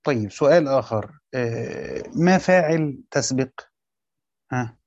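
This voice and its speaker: A man with an Egyptian Arabic accent teaching a classroom lesson, quizzing his students and repeating his points slowly. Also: medium pitch, a little mellow, no room sound, lo-fi sound. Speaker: teacher of Quran commentary.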